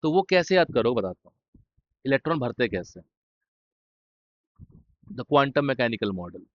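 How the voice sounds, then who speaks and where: A man speaking in a mid-range voice runs a casual chemistry revision session for an exam, addressing students directly, drilling key terms and making blunt jokes on the side. The recording sounds dry and muffled.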